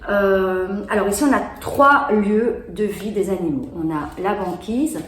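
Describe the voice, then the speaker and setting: A woman's voice: mid-range voice, a little slow. Chatty woman demonstrating games, echoey room. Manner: chatty, explaining while playing. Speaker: presenter of children's games. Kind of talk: casual product demo. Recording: echoey room with faint noise.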